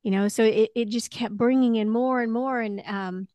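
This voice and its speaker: A woman speaking as a spiritual healer and coach in a one-to-one conversation, gently reassuring as she guides. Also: fairly high pitch, steady tone, normal speed, no echo.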